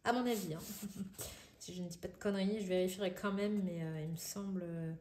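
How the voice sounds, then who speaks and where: A woman's voice: lowish voice, fairly even intonation, brisk, warm tone, reverberant, slight background noise. A woman from France chatting casually through an unboxing, thinking aloud with lots of fillers. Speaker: vlogger.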